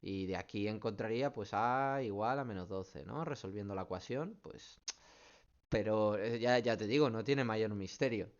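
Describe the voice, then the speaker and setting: A man's voice: on the low side, moderate pace, dull audio. A man, a math teacher working through student questions in an online class, explaining step by step and checking in often. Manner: patient, explains step by step, keeps checking with "¿vale?".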